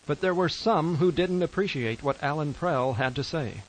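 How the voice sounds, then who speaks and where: A man's voice: fairly high pitch, moderate pace, slight background noise, lightly acted, low-quality recording. Man as a grave documentary narrator. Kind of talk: scripted mock-documentary narration.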